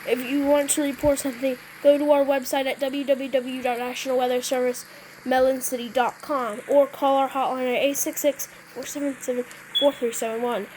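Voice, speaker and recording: Her voice sits high and a little mellow, moving a bit fast with a level tone over poor audio and slight background noise. Playing through a game as if handling an emergency alert, she mixes casual chatter with improvised mock weather bulletins, frequently clearing her throat and fumbling the words she reads.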